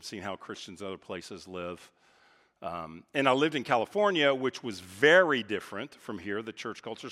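Emphatic preaching man in a big hall. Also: fairly bright tone. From Texas. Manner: preaching with emphatic swings in pitch and volume. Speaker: pastor. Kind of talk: sermon. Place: church sanctuary. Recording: reverberant church hall.

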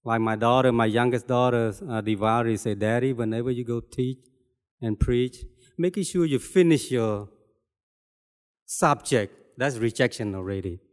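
An older Cambodian-accented man preaches his testimony in a plain, earnest way, repeating himself as he searches for words. His voice is smooth and resonant, with a long reverb trailing off in a church hall. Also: mid-range voice. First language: Khmer. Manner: earnest, halting, plainspoken with repetitions. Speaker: lay preacher. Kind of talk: personal testimony sermon.

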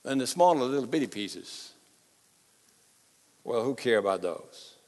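A man preaching a sermon in an authoritative, emphatic manner, breaking his sentences into short phrases with deliberate pauses. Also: medium pitch, animated, a little mellow. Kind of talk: sermon to a congregation and broadcast audience. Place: large reverberant hall before a congregation. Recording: long hall reverb.

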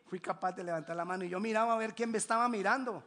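Male pastor, high-pitched voice, sermon, emphatic, rhetorical questions, loud-to-hushed swings. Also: very fast. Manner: emphatic preaching, swinging between loud exclamations and hushed low drops.

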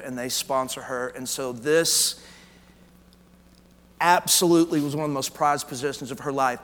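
In a large church auditorium, a pastor casually tells stories during his sermon and interviews a guest on stage. His mid-range voice is a bit bright, with slight background noise and a long hall reverb.

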